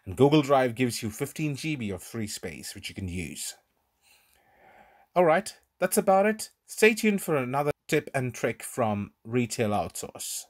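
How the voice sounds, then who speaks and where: Male tutorial presenter, screen recording voice-over, informal step-by-step delivery, animated intonation, medium pitch. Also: unhurried.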